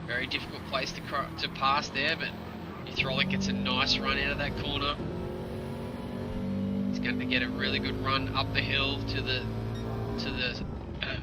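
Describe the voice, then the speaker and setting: A man giving excitable play-by-play as a motorsport commentator during live racing. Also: medium pitch, normal speed, long pauses, loud music behind the voice. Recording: loud engine and vehicle noise behind. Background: loud car and vehicle noise.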